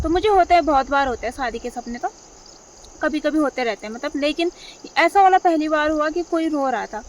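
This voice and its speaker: Young woman, high voice, rambling casual vlog talk, faint insects and rural sounds behind. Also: slight background noise. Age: young adult. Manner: rambling, repeats herself, many fillers. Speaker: vlogger.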